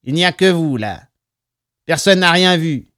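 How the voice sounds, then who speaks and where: A man's voice: a little high, lively intonation, unhurried, a bit bright, dry recording, studio quality, voice pushed up. A man voicing a nasal, servile male bar owner with a fixed smile. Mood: wheedling.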